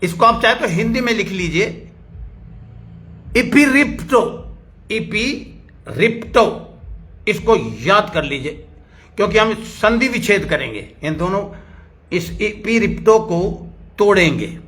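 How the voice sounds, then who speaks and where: A middle-aged man with an Indian accent preaching a sermon, spelling out words slowly like a teacher and mixing in English phrases. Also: high-pitched, expressive, pushed and bright. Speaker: pastor.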